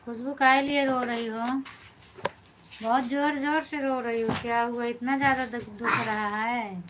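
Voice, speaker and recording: A woman's voice: on the high side, fairly even intonation, unhurried, background noise. A woman with an Awadhi accent, a folk singer chatting casually on a live stream, thanking viewers by name and answering their comments.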